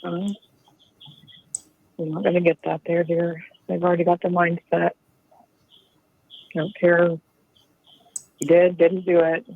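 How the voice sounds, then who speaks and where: A woman talking gently and soothingly to an inmate over a prison phone line. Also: lowish voice, flat delivery, takes it slowly, vocal fry, pauses often, dry recording. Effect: heard over a prison phone line. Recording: tinny phone line with faint hiss.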